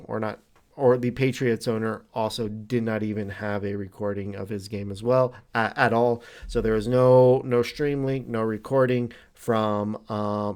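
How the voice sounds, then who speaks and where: A man hosting a weekly league show, explaining rule violations in a halting but firm way with many fillers. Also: lowish voice, clear, resonant tone. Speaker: league commissioner host. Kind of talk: casual league update talk.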